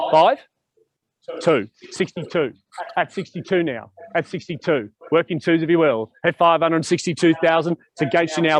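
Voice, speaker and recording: A man's voice: high voice, low-quality recording. An Australian man working as an auctioneer, calling out bids in repeated numbers with polite, insistent sales patter. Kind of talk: live auction bid-calling, chanting bids and repeated calls. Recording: live auction with people around. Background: small crowd at a live property auction.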